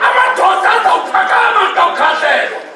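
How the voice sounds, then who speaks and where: A man with a Xhosa accent performing oral praise poetry in a loud, declamatory manner that breaks into shouts. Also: extremely high pitch, expressive, fast talker, a faint crowd. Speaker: praise poet (imbongi) performing on stage. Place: large hall with an audience. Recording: very echoey hall, far from mic, audience.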